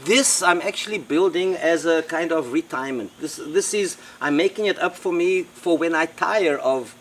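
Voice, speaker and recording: A man's voice: on the high side, moderate pace, fairly bright tone, a little hiss or hum. Rambling South African man. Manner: rambling, repeats words, many fillers. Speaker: interviewee, local host. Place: outdoors by a river in the Amazon.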